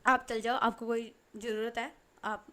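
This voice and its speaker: A woman voicing an adult aunt, a stern but caring woman who scolds, then coaxes softly. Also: on the high side, level tone, unhurried, clean tone. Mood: firm refusal. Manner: scolding, then soft and coaxing.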